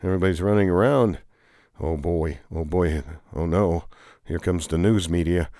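Guy with a real low mellow voice goofing through a made-up story, lots of groans and little hums. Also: normal speed, no room sound, studio quality. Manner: rambling, with frequent groaning "ugh"s and playful humming. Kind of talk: improvised comic storytelling with two bickering characters.

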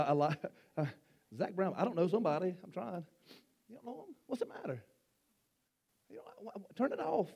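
A man's voice: a little high, warm tone, husky. A middle-aged male pastor preaching a sermon in a folksy, joking way, often repeating his words. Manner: folksy, repeats himself, jokes with the congregation.

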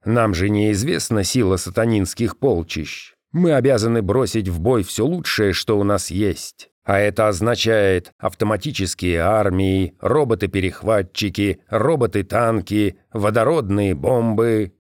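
A man voicing a brisk, self-assured male commanding general in an audiobook, speaking firmly. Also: lowish voice, no echo, studio quality, lightly acted. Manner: brisk and firm.

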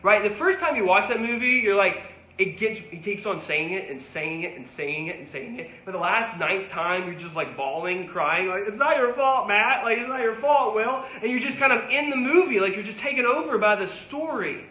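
Earnest high-voiced preacher in an echoey room. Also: male voice, normal speed, bright, forceful tone. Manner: earnest, pleading, repetitive calls. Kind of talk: sermon. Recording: echoey room with faint ambience.

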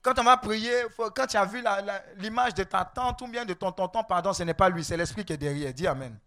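A man preaching a charismatic sermon, calling out to the congregation, swinging between shouts and low, quiet stretches. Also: fairly quick. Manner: call-and-response, shouting and then dropping low, exclamations.

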